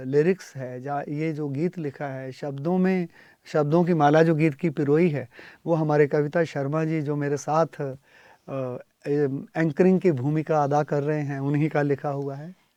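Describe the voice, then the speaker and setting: A middle-aged man, a guest singer in a studio interview, who explains his points thoughtfully and pauses to hesitate often. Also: a little high, fairly even intonation, dark tone, no echo.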